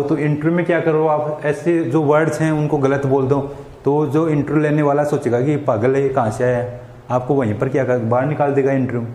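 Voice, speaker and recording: A male teacher gives a patient lesson, posing questions and answering them himself. His voice sits a little high, and the sound rings in an echoey room. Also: a little mellow. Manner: repeats questions and answers them himself, frequent "samajh gaye". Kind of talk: classroom lesson explaining English to Hindi speakers. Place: school classroom.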